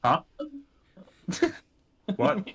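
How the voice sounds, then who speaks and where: A man voicing an excitable, gluttonous lizard man from the woods, asking childlike confused questions. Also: very slow. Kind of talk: tabletop role-play voicing.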